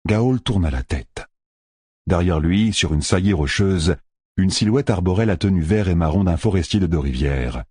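Deep, husky male audiobook narrator. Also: normal speed, no echo, studio quality. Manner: expressive, dramatic reading. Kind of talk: scripted narration.

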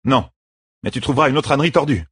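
Man voicing a woman bodyguard, storybook, blunt, mocking, husky, dry. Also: medium pitch, animated, quick pace, no room sound, pitched above the performer's own voice.

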